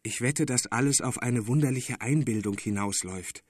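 A man's voice: mid-range voice, moderate pace, a little mellow, dry recording, studio quality, natural voice. A man voicing a skeptical, impatient friend who talks bluntly in an audiobook.

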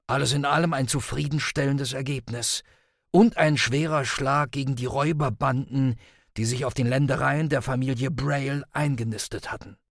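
A man reading audiobook excerpts as scripted narration, with a measured, grave storytelling delivery. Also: mid-range voice, steady tone, no echo, studio quality.

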